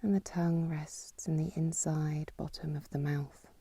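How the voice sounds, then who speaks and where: A yoga nidra teacher guides a meditation in a low, soft, breathy, half-whispered voice. She speaks slowly and soothingly with long pauses, giving calm instructions, and the recording has no echo.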